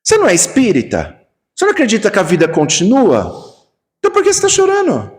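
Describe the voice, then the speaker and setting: A man voicing a judgmental fellow believer who scolds a grieving mourner at a wake, shouting in a high, scolding tone. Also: huge pitch swings, quick pace. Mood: indignant scolding. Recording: long reverb of a lecture hall.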